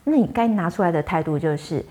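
Talking fast with lively intonation, this fortune teller and medium recounts a client's case for her viewers. Her voice is on the low side with a dark tone, and her delivery is chatty and loaded with fillers.

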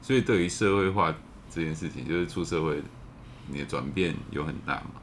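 A man's voice: extremely low pitch, brisk, a little hiss or hum. A man with a Taiwanese Mandarin accent talking reflectively in a casual discussion. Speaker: podcast panelist.

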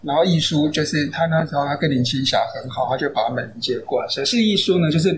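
Taiwanese-accented male author guest, chatty storyteller, fairly high voice, noisy recording. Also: fast talker. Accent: Taiwanese Mandarin. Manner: chatty, anecdotal, many fillers. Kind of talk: casual podcast interview. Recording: noisy background.

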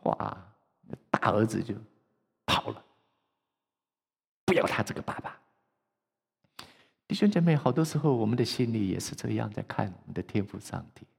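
A man preaching a sermon as pastor, who tells the story in a lively way and acts out its characters in a church sanctuary. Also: fairly low pitch, normal speed, creaky, long pauses, slightly rough. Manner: animated, acts out the story, laughs. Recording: long church reverb.

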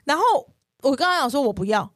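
A middle-aged woman co-hosting a podcast, chatting casually and telling stories with lively acted-out dialogue. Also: high voice, fast talker, dry recording, studio quality. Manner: lively storytelling, acting out quoted dialogue. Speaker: podcast co-host. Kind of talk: casual chat.

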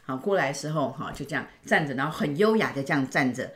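A middle-aged woman, hosting a casual chat and telling a childhood story with animated retelling of voices. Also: very deep voice, fast. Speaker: podcast host.

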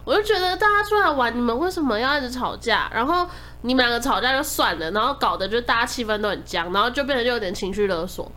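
A woman chatting on a podcast, telling stories with animated exasperation. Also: on the high side. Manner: animated storyteller, quick and exasperated. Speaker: podcast co-host. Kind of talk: casual chat.

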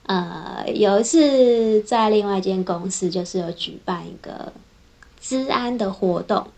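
A woman's voice: medium pitch, measured pace, creaky, a little mellow. Chatty young woman engineer. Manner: chatty, strings thoughts together with frequent "then". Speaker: software engineer. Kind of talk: casual personal vlog storytelling.

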